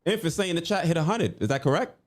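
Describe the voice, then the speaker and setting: A man co-hosting a live sports stream, chatting casually and reading out viewer comments in a relaxed, conversational way. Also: a little high, quick pace. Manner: laid-back, conversational, lots of fillers. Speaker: co-host of a live sports show.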